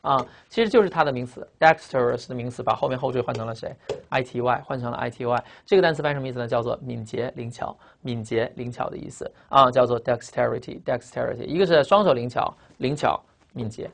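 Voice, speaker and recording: Fast-talking man teaching vocabulary. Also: mid-range voice, creaky. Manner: repeats each word and meaning, frequent "啊" tags and quiz questions. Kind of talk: vocabulary lecture for exam students.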